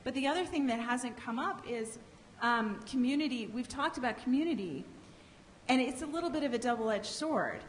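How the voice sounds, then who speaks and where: A middle-aged woman speaking as a panelist at a conference, measured and explanatory, often restarting her phrases, into a table microphone. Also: on the high side, lively intonation. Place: large conference hall stage. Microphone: microphone on a table stand. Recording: reverberant hall, faint background hiss.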